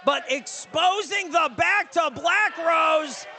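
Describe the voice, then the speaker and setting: A man working as a wrestling commentator, giving excited live reactions with exclamations and shouts. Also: takes it slowly, gravelly. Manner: exclaiming, high-energy reactions. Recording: crowd noise around the voice. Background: cheering crowd.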